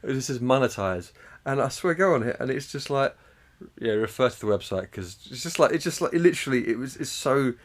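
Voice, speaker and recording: A man's voice: mid-range voice, animated, fairly quick. A man, co-hosting a casual podcast chat, swearing freely and chuckling as he talks. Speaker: podcast co-host.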